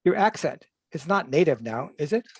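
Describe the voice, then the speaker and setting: A man's voice: a little high, very animated, normal speed, breathy edge, no echo, studio quality, exaggerated voice. A man reading aloud and voicing an affable, chatty woman in her forties, lifting his voice a little for her lines. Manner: affable, easygoing small talk.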